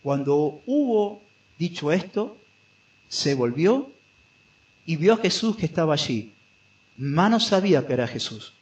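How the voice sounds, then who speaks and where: A man preaching an expository sermon, who asks the congregation questions and answers them himself, and who drops to a soft, slow voice when he quotes scripture. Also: fairly high pitch, very animated. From Argentina. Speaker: pastor.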